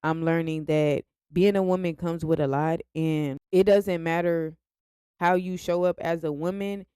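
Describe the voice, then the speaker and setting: A woman's voice: low voice, steady tone, a little slow, dark tone, clear, resonant tone, dry recording, clean studio sound. A young woman speaking candidly to her viewers in a confessional vlog, frank and direct. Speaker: vlogger. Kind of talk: candid personal vlog monologue.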